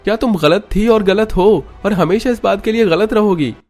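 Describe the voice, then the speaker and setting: A man voicing a young husband who lectures his wife in a raised, high voice. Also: expressive, moderate pace, darkish tone, faint music behind. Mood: scolding. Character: young husband, stern then affectionate.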